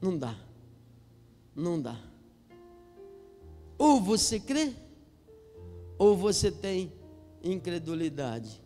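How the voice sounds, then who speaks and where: A man preaching a sermon in a church, dropping to soft, low appeals and then rising to loud, shouted exhortation. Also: sing-song, takes it slowly, pauses often. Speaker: pastor. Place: church sanctuary. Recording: long hall reverb with faint music.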